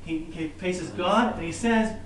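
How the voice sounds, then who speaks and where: High-voiced rabbi lecturing in an echoey room. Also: male voice, unhurried. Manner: lively, conversational, jokes and quizzes the listeners. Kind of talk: informal classroom lecture with audience questions. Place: classroom or study hall. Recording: echoey room, mic far off, faint background hiss.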